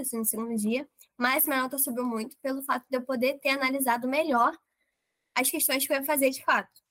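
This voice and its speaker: High-voiced young woman telling a story. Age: young adult. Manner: animated, quotes herself and others in lively voices. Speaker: approved medical student guest. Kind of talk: casual interview storytelling.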